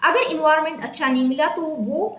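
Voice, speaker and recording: A woman teacher walks her students through exam material, often asking a question and then answering it herself. Her voice sits high and carries a clear echo from the room. She circles back to key points and slips English terms into her explanation. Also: fairly quick. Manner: mixes Hindi with English terms. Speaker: teacher preparing students for exams. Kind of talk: exam-prep lecture.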